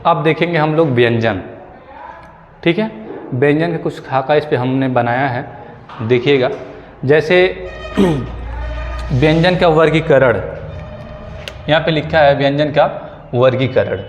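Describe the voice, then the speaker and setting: A male teacher giving a slow, repetitive grammar lesson for exam prep, checking in with his students often. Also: on the high side, long reverb tail, highs cut off, faint music behind. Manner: explains slowly, repeats key points and asks "ठीक है".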